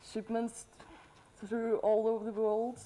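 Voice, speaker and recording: A woman playing a cheerful, cheeky Easter Bunny in a student TV sketch interview, relaxed and plain-spoken with hesitant fillers. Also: fairly high pitch, slow, poor audio. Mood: casual. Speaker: interview guest.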